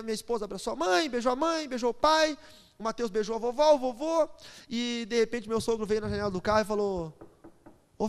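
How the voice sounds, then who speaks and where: A man in his thirties preaches from the pulpit, his voice high and bright as he slips into playful impressions of the people in his stories. He builds from chatty anecdote to loud, fervent proclamation. His words ring out with a long reverb through a large church hall. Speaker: pastor. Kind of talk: sermon with storytelling.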